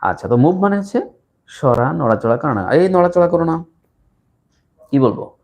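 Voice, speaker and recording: A man teaching English in a live online lesson, repeating short phrases slowly and explaining each one. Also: on the high side, big pitch swings, gravelly, a little mellow. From Bangladesh. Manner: slow, repetitive drilling of phrases with pauses. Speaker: English tutor.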